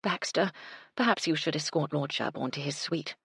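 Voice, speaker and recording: Narrator doing a calm polite hotel lady, husky low voice, storybook. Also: normal speed, dry recording, clean studio sound, heavily acted. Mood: composed.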